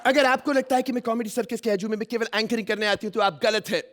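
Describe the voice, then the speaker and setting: Guy doing a super old sassy woman, really high squeaky voice, comedy sketch. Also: fairly even intonation, fast, a bit bright. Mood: playful. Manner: camp, brash, mixes English into quips. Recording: studio audience laughter and noise.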